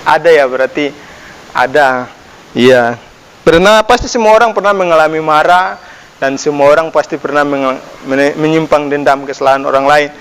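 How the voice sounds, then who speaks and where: A young man teaches a children's Sunday school lesson, talking to the kids like their older brother. His voice sits slightly high and lifts when he asks them questions. The sound carries a long reverb from a church hall. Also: moderate pace, a bit bright, clear, resonant tone. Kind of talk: children's sermon.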